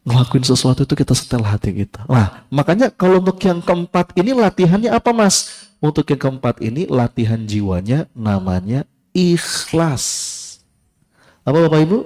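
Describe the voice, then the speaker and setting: A man giving a casual sermon to a live audience, lively, acting out voices in his story and repeating key phrases. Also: a little high, normal speed. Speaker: preacher.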